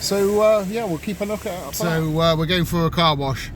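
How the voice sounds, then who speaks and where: A man with a high voice chats casually at a moderate pace while vlogging about his car. Cars and other surrounding sounds can be heard in the background.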